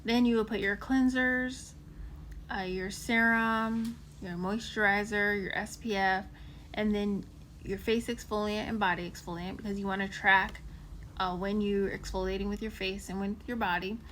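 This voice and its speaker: Hosting a relaxed livestream, a young waxing specialist chews candy as she goes over a skincare tracker and greets viewers by name, her speech loose and rambling with plenty of ums and likes. She has a medium-pitched, steady, fairly bright voice at a moderate pace, and slight background noise is audible.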